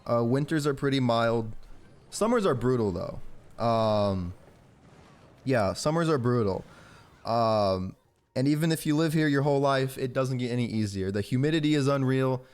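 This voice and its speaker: This is casual gameplay commentary with personal chat from a gaming YouTuber, an early-twenties man from Georgia in the southern United States with an American accent. His voice is mid-range and darkish, at a moderate pace, as he rambles informally.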